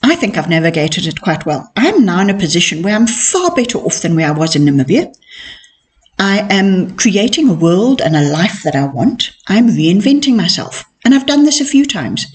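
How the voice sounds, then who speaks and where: A middle-aged woman who says her R's softly, like W's, telling her own story as a podcast host in a candid, reflective, self-assured way. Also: fairly low pitch, very animated, moderate pace. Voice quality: cannot pronounce R's properly, softened w-like R. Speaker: podcast host and mentoring coach. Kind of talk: personal storytelling monologue.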